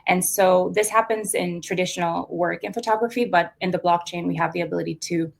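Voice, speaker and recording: A young woman from Costa Rica talks through her ideas in an interview, pausing on "um" and "uh" as she goes. Her voice sits a little low for a woman, and she speaks with a steady, reflective flow. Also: vocal fry. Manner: thoughtful, many fillers and restarts. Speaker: artist guest. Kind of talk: conversational interview.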